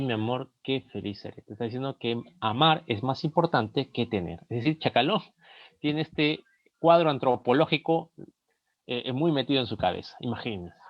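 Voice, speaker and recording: A man with a Peruvian Spanish accent lecturing in a recorded lesson, setting out his points step by step and reading song lyrics aloud to illustrate them. His voice sits at an ordinary middle pitch. The sound is dull and dry, with no room echo.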